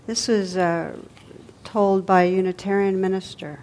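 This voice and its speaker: A woman telling a story aloud in a gentle, expressive way, letting her lines trail off softly. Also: mid-range voice, a little slow.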